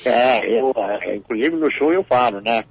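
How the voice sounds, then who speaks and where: A man's voice: mid-range voice, animated, measured pace. An older man, a comedian, talking in a radio interview and often repeating words as he restarts. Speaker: comedian guest. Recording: muffled radio audio.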